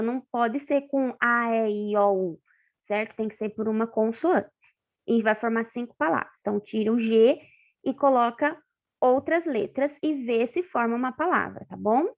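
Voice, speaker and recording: Patient Brazilian teacher, lo-fi audio. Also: female voice, on the high side. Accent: Brazilian Portuguese. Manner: patient, explains step by step with frequent checks like "tá?". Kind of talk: online class walkthrough. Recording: dull lo-fi online class audio.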